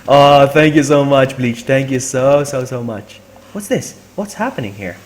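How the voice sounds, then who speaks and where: A man streams a video game, narrating live and talking with his viewers in an excited, exclamatory style, frequently repeating himself. His voice sits at medium pitch and he speaks at an unhurried pace.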